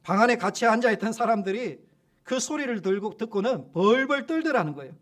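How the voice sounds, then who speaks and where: A male pastor preaches a sermon with a high voice for a man. He tells the story in an animated, lively way. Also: brisk.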